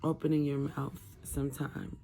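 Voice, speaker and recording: A tired, medicated twenty-nine-year-old with a sore, muffled, thick voice from a swollen throat after tonsil surgery, talking casually and haltingly to camera. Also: medium pitch, flat delivery, gravelly, warm tone, faint music behind. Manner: halting, rambling. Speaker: vlogger sharing surgery recovery. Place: room at home.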